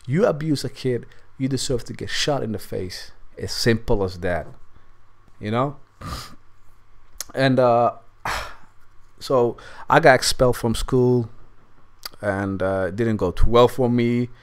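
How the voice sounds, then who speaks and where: A man's voice: medium pitch, takes it slowly, long pauses. Rambling, profane young man. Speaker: let's play gamer. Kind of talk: casual storytelling commentary.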